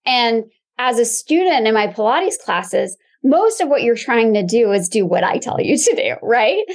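A woman's voice: fairly high pitch, big pitch swings, moderate pace. A woman who teaches movement, explaining her ideas in a conversational, reflective way as an interview guest. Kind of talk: casual explanatory chat.

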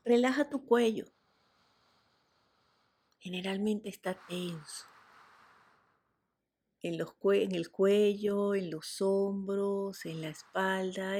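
A woman guiding a relaxation meditation in a soft, soothing voice, with breathy whispered cues. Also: medium pitch. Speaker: meditation guide.

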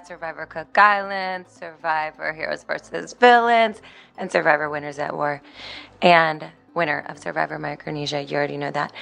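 A woman with a bright, gravelly voice leaves a playful voicemail. She gushes about a favorite with teasing confidence over faint music. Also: on the low side. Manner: playful, gushing. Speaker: caller leaving a voicemail. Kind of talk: recorded voicemail.

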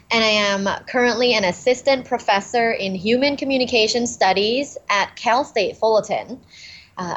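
A woman from Thailand, a communication professor, speaking as a podcast guest, cheerful and explanatory, laughing often. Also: mid-range voice. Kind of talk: interview podcast. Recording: dull lo-fi sound.

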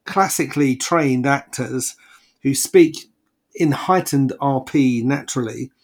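A man in his sixties co-hosting a podcast in casual chat. He speaks in a measured, thoughtful way and hums along while listening. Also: medium pitch. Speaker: podcast co-host.

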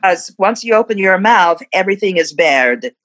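A woman's voice: mid-range voice, lively intonation, moderate pace, a bit bright, low-quality recording. A woman in her fifties, a musician being interviewed, who talks in a reflective way and laughs often between thoughts. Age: 50s. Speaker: musician guest. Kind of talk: casual interview.

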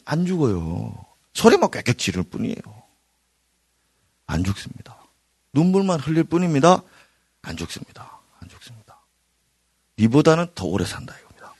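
Animated male pastor preaching. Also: mid-range voice, no echo, studio quality. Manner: animated preaching, swinging between loud bursts and near-whispers. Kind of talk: sermon. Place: church hall.

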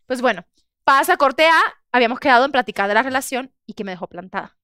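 A woman's voice: quick pace, clean tone, dry recording, clean studio sound. A woman in her thirties with a Mexican accent, telling a personal story with lots of energy and acting out what people said. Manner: expressive, acts out quotes with big pitch jumps. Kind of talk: animated storytelling.

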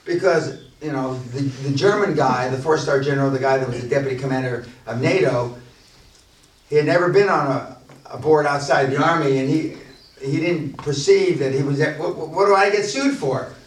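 A man leads a business seminar unscripted, talking to the room bluntly and boastfully, with plenty of profanity and restarts. His voice is a little high at a moderate pace. It's a large, echoey seminar venue room caught on a distant mic.

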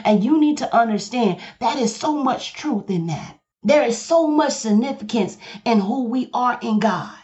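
A woman's voice: fairly high pitch, lively intonation, moderate pace, darkish tone, dull audio. A woman preaching a sermon, firing emphatic rhetorical questions at her congregation.

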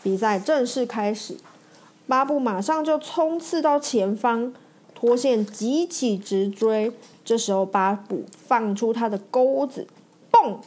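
A woman reads a children's picture book aloud, giving the story lively, expressive narration. Her voice is slightly higher than most women's, and she keeps the telling animated for young listeners. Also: a little slow.

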